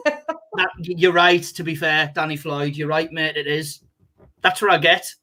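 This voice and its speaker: A young man co-hosting a casual chat show, telling sweary anecdotes and laughing at himself. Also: a little high. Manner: animated storyteller, quick to laugh at himself. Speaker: co-host.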